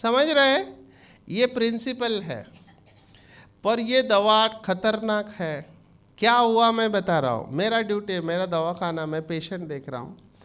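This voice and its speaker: A man's voice: high-pitched, a little slow, a bit bright, smooth. A man who is a doctor giving an informal training lecture, often quizzing his audience with questions.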